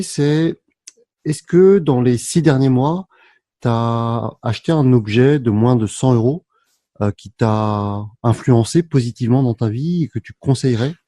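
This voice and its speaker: A man with a mellow, warm voice hosts a podcast interview. The sound is dry and close. He asks his questions in a loose, friendly way and rephrases them as he goes. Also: mid-range voice, unhurried, no room sound. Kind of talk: casual interview chat.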